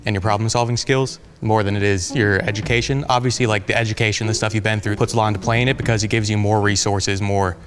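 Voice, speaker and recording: Fast-talking low-voiced man explaining. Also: steady tone, a bit bright. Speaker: interviewee. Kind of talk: studio interview.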